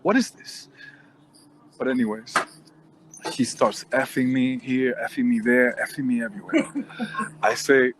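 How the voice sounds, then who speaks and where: A man hosting a show, telling a funny work story in a casual, animated way and acting out what people said. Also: mid-range voice, normal speed, background noise. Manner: animated, expressive, acts out quotes. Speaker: host.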